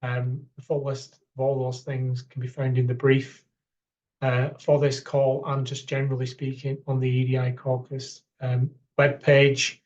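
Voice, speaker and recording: Academic guy talking through a funding round on a call, lots of ums and restarts, flat, kinda muffled audio. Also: medium pitch. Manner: halting, many fillers and repeated words. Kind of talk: information session presentation.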